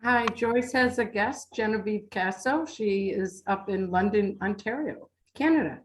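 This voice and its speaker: A woman's voice: medium pitch, a little slow, a little hiss or hum, low-quality recording. A woman on a video call introducing a guest to the team. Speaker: team member.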